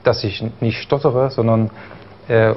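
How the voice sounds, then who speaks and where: Speaking a little slowly with fairly even intonation, this young talk show guest from East Germany has a mid-range voice. His studio interview answers are full of fillers, restarts, and occasional stutters, and the broadcast sound is dull with slight noise.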